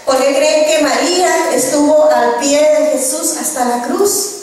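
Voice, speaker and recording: A woman with a Mexican accent delivers a sermon in a high voice, pressing rhetorical questions on her congregation. She sounds far from the microphone, and her words ring through a big echoing hall with a long reverb. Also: unhurried, a little mellow, soft background music. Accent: Mexican Spanish. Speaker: preacher. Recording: distant echoey hall recording.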